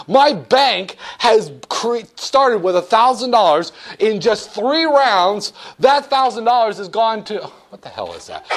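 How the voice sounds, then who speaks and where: Using a high voice, a man delivers a playful economics lecture in class, acting out little dialogues between a banker and customers to make his points.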